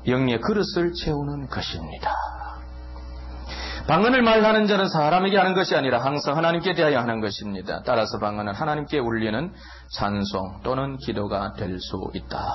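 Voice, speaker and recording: A male pastor from the Gyeongsang region with a Gyeongsang accent, preaching emphatically and jumping from low asides to sudden high exclamations. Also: expressive, fairly quick, dull audio. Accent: Gyeongsang Korean. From Gyeongsang region, Korea. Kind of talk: sermon.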